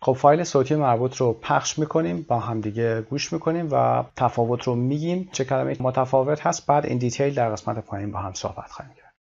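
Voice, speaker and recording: A male English teacher with a Persian accent works through a textbook lesson, reading each English sentence slowly and then explaining it at length. His voice has a gravelly, creaky edge, and the recording sounds slightly dull and lo-fi. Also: medium pitch, a little mellow.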